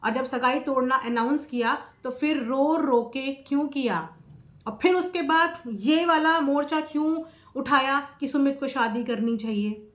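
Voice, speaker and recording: Speaking in a high voice without rushing, a woman reacts on video with emphatic, casual opinions, repeating herself and asking rhetorical questions. The audio sounds roomy and echoey.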